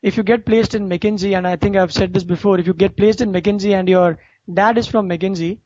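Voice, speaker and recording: A man with an Indian accent talks quickly in a high voice as a talk-show co-host. He is wry and opinionated, mixing Hindi into casual English. The sound is dry and a little dull. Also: fairly even intonation, darkish tone, no echo.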